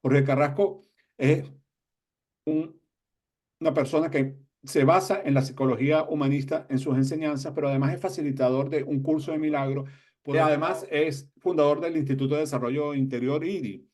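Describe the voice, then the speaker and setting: A man's voice: fairly high pitch, steady tone, moderate pace, darkish tone. A man hosting an interview, greeting his audience and asking his guest a string of questions. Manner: welcoming, asks questions in a row. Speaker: interview host.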